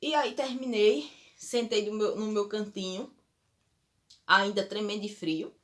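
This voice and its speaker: A woman's voice: medium pitch, unhurried, a bit bright. A woman gives a personal religious testimony. She tells it earnestly and emotionally, often turning to speak straight to her viewers. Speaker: churchgoer giving a testimony.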